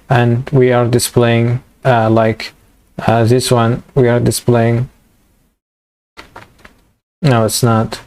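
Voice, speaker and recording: A young man walking through a coding tutorial in a halting way, full of fillers and restarts, as his voice gives out. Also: medium pitch, a little mellow, smooth. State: losing his voice. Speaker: programming tutor. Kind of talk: screen-recorded coding tutorial.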